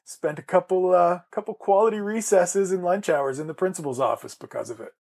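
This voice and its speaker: A man's voice: high-pitched, brisk, creaky, a little mellow. A man from Canada hosting a casual podcast chat, talking in a rambling way with restarts. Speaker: podcast host.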